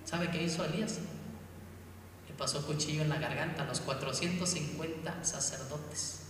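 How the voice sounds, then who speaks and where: Male preacher with a Chiapas Mexican accent, high bright voice, far off in a reverberant hall. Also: moderate pace. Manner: storytelling, addresses listeners as hermanos. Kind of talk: sermon. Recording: echoey hall, distant mic, faint noise.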